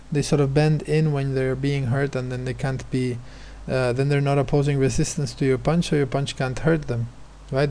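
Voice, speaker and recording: A man's voice: mid-range voice, mellow. A male teacher explaining physics exam questions, hesitant, with many fillers and restarts. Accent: non-American, his remark says so.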